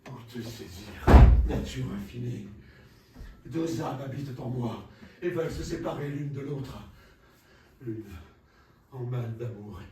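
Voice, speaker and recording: An actor playing a tormented, proud, disdainful scholar with halting, impassioned declamation in stage tragedy style. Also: male voice, medium pitch, lightly acted. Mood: anguished longing. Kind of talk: theatrical stage tragedy acting. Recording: very echoey stage, distant, faint noise.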